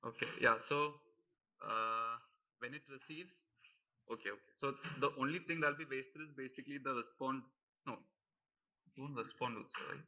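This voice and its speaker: A man on an online call asking technical questions, thinking aloud in halting phrases. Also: medium pitch, fairly even intonation, bright, forceful tone. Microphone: video call. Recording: dull lo-fi call audio.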